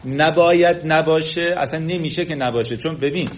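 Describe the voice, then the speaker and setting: Male lecturer, fairly high voice, animated delivery, plays out quoted lines. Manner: animated, acts out quoted speech.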